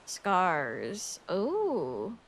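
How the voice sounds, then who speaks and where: There's slight background noise as a young Filipina streamer talks in a lowish voice that swoops wildly in pitch, speaking extremely slowly. She's giggly and casual, thinking aloud with a Filipino English accent during a game livestream.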